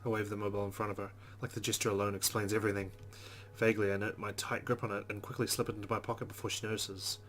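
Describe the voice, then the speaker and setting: Speaking very fast, this let's player dramatically reads aloud the first-person narration of a visual novel. His voice sits on the low side, a bit bright, and barely shifts in pitch. The recording carries noticeable background noise.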